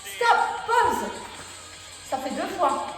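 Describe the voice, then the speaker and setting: High-pitched woman coach in echoey hall. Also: very slow, creaky, soft background music. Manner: energetic, pushing and encouraging, counting reps. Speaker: fitness coach. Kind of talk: leading a workout class.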